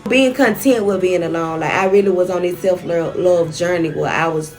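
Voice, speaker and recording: A woman's voice: fairly low pitch, moderate pace, darkish tone, faint music behind. Candid young woman telling her story. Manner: frank and profane, talks straight to viewers. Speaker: storytime vlogger.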